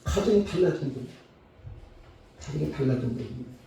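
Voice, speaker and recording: Gravelly man preaching in an echoey church. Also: lively intonation, moderate pace. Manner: preaching with sudden swings between loud, high calls and low, hushed lines. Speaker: pastor. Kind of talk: Sunday sermon. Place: church sanctuary. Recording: very echoey church hall, mic far off.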